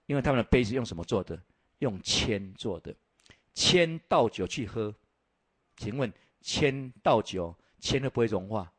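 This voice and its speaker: Husky guy giving a bible-lands slide talk, animated, lots of "ah" fillers and questions to the room. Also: on the low side, moderate pace, no room sound. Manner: lively storytelling with rhetorical questions; frequent filler "ah". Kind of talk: lecture over slides.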